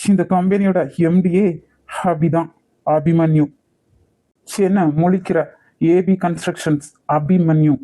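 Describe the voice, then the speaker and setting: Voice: mid-range voice, fairly even intonation, unhurried, mellow, natural voice. A voice actor playing the boss's chatty young male friend in a cartoon, teasing and casual. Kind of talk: cartoon voice acting.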